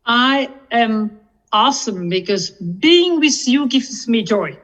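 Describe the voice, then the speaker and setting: A woman from Belgium, a nonprofit executive director, chatting as a guest in a warm, encouraging way. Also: a little high, expressive, slow pace, dull audio. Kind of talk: casual interview.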